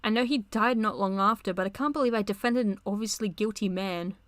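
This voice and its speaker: A woman's voice: mid-range voice, fairly quick, no echo, lightly acted. A woman reading the lines of a guilt-ridden, anxious young male lawyer from a chat log, in a dry close sound. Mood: remorseful. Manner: read aloud from a chat log.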